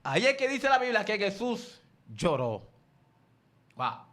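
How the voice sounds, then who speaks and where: A man with a high, bright, forceful voice preaches a sermon. He keeps asking his listeners questions and answers them himself. Now and then he calls on the congregation to say the words back to him. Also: big pitch swings, slow.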